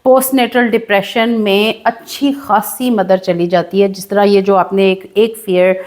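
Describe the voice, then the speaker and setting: A woman's voice: mid-range voice, fairly even intonation, darkish tone. A woman, co-hosting a podcast chat in an earnest, advising tone. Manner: earnest, advising tone, mixes English words. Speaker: podcast co-host. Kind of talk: casual chat.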